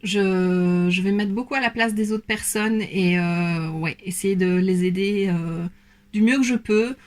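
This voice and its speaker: Hesitant Belgian woman chatting softly. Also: mid-range voice, a little slow. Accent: Belgian French. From Belgium, Liège province. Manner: hesitant, many fillers, soft and self-conscious. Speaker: beauty YouTuber. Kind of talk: casual Q&A vlog.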